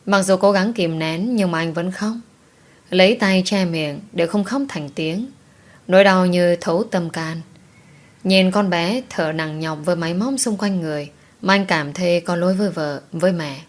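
Woman narrator for romance audiobooks, steady and calm, lower register. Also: moderate pace.

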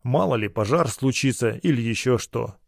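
A man reading a story aloud in measured scripted narration. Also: mid-range voice, animated, creaky, dry recording, clean studio sound. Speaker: audiobook reader.

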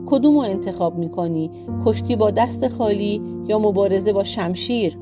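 A woman's voice: mid-range voice, over music, natural voice. A woman voicing a fierce, vengeful old witch who is the mother of giants, cursing and threatening in a storybook reading. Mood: taunting.

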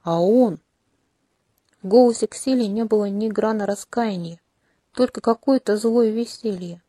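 A woman narrating a first-person romantic fantasy audiobook in an even, measured reading. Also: on the high side, dry recording, studio quality. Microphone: close home mic.

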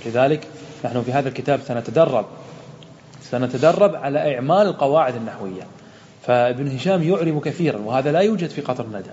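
A man's voice: mid-range voice, animated, a little mellow. A man teaching as a sheikh, taking his students through a grammar text at a patient pace. He repeats each word form and poses questions that he then answers himself. The recording is dull and lo-fi, with a long reverb trailing through the hall and a faint hum beneath. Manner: explains slowly, repeats word forms, asks and answers own questions. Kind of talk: classical Arabic grammar lesson.

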